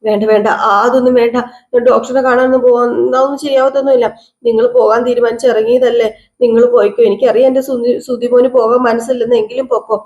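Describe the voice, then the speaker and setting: A woman's voice: fairly high pitch, flat delivery, fast, darkish tone, highs cut off, close to an everyday voice. A woman voicing a scheming middle-aged mother who moans and wails as she fakes a stomach ache. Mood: moaning. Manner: wailing, moaning. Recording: roomy echo.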